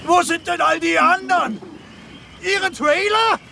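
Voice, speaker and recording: A frightened self-made preacher in a film dub, pleading and shaken, with a very high, bright voice. The delivery is slow and gravelly. Faint music runs behind him on the soundtrack. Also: male voice, slight background noise, exaggerated voice. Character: frightened would-be preacher, an adult man.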